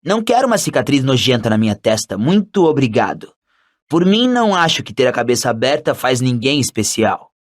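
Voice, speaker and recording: A man's voice: medium pitch, very animated, brisk. A man voicing an arrogant, scornful rich schoolboy bully in an audiobook, with a mocking drawl. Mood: sneering. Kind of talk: audiobook character voice.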